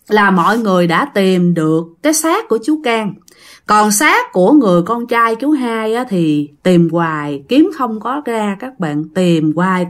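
A woman with a Southern Vietnamese accent narrating a ghost story, talking directly to her listeners in a lively way. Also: medium pitch.

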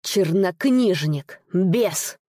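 A woman voicing a proud, defiant old male servant who shouts in anger. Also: lowish voice, animated, drawn-out words, no room sound, clean studio sound, exaggerated voice. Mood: indignant. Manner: shouting, indignant.

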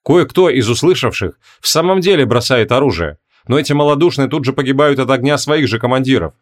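A man reads a fantasy audiobook aloud. His pitch sits in an ordinary middle range. His reading is steady and measured. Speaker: audiobook narrator. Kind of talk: audiobook narration.

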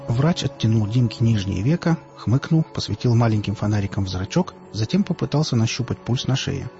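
A man narrating an audiobook in a steady storytelling voice. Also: medium pitch, brisk. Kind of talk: scripted narration. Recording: dull lo-fi audiobook, faint music.

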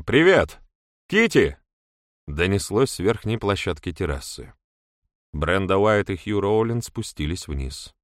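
A man narrating an audiobook in an even, measured reading. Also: low voice, no echo, studio quality. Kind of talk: scripted narration.

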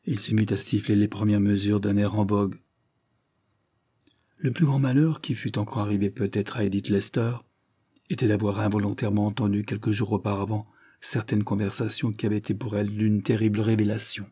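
A man narrating a classic novel as an audiobook, in a measured, even delivery. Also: fairly low pitch, husky.

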